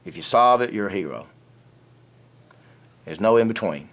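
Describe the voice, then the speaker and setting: A man with a low voice speaks in an interview about his years as a homicide detective. His talk is matter-of-fact and plain, with frequent restarts. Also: animated, moderate pace, fairly bright tone.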